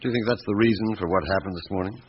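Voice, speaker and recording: An actor playing a patient, probing police inspector in a radio drama, measured and wry in manner. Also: male voice, lowish voice, lightly acted. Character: probing, patient male police inspector, middle-aged or older. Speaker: police inspector questioning suspects. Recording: dull, noisy old radio recording.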